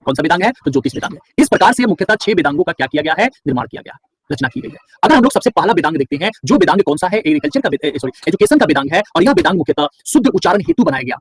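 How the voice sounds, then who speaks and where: Fast, husky male teacher. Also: fairly high pitch, very animated. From Bihar. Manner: asks a question and answers it himself, repeating key words. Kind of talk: online exam-prep class lecture.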